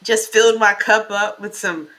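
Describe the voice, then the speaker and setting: A woman in casual talk show chat, animated and effusive as she tells personal stories. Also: medium pitch, normal speed.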